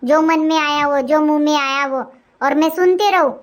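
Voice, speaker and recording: A woman voicing a sharp-tongued young daughter-in-law in a cartoon, defiant and talking back. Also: high-pitched, moderate pace, natural voice.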